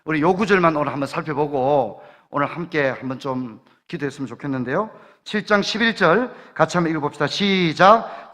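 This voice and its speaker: A high, bright-toned man with a Gyeongsang accent preaches a revival sermon with fervent force, his voice rising to loud exclamations. His voice rings through a church hall with a long reverb tail. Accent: Gyeongsang Korean. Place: church sanctuary.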